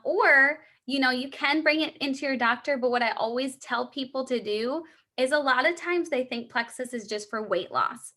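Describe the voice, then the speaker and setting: A woman with a high, very bright voice plays out a three-way sales call as the consultant. She explains things in an upbeat, encouraging manner, like someone coaching a new customer over the phone.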